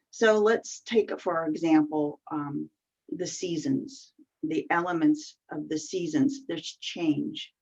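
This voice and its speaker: A woman with a fairly low voice explains an energy practice in an unhurried, earnest way, building her points one piece at a time. She is heard over a video call, and the sound comes through muffled and lo-fi. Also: a little mellow. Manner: earnest, explains step by step with many fillers. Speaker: qigong teacher, guest. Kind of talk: explanatory interview answers.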